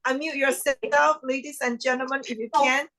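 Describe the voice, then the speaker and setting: High-voiced woman hosting an online event. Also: steady tone, moderate pace, sharp tone, rough recording. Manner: upbeat, formal announcer phrasing. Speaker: event host. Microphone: video call.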